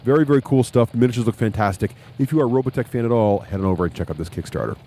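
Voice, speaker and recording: A man's voice: medium pitch, very fast, warm tone. A man chatting casually and enthusiastically as a podcast host.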